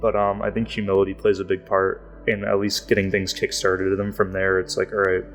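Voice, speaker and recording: A man's voice: low-pitched, completely flat delivery, brisk, soft background music. A man talking casually as a podcast guest, rambling and filling his speech with "like". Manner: rambling, heavy use of "like" fillers. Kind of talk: casual interview talk.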